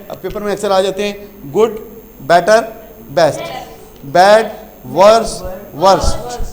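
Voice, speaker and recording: High-voiced man teaching a class. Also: darkish tone. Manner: quizzes the class, repeating key terms; calls students "beta". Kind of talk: classroom grammar lesson.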